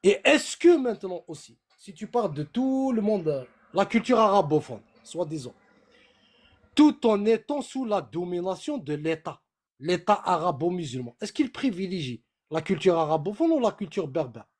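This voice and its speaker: A man's voice: high voice, sing-song, normal speed, darkish tone. A man from Kabylie arguing emphatically in a heated live political debate. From Kabylie, Algeria. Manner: emphatic, repetitive, switches into Kabyle.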